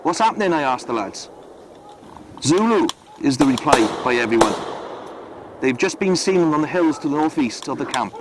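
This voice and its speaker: A man, a living historian, retelling a battle in the first person as a soldier, in a measured, earnest way. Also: medium pitch, very noisy.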